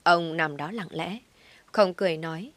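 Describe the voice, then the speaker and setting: A woman reading a scripted story aloud with emotional, dramatic delivery and soft whispered passages. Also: lowish voice, moderate pace, dry recording. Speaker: narrator.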